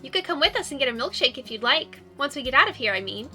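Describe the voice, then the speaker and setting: A woman's voice: high-pitched, sing-song, fast, pushed and bright, faint music behind, exaggerated voice. A woman voicing a cheerful, caring, bubbly young woman in a visual novel, with a perky, encouraging way of talking.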